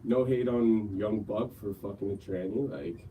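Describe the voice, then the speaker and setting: A man's voice: fairly low pitch, measured pace, dark tone. Brash guy bantering on a podcast, lots of slang and swearing, bit far from the mic with some noise. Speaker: podcast co-host. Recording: noisy room, off the mic.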